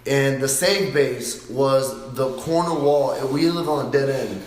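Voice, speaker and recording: A man's voice: mid-range voice, measured pace. A man in casual chat among friends, reacting with exclamations and mixing Spanish and English. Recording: echoey room with faint noise.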